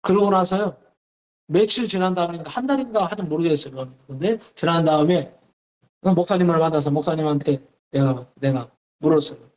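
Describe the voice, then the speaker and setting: Male pastor preaching, fairly high voice, animated storytelling with acted-out quotes. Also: a little fast. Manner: animated storytelling, acts out dialogue. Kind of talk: sermon storytelling. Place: church sanctuary.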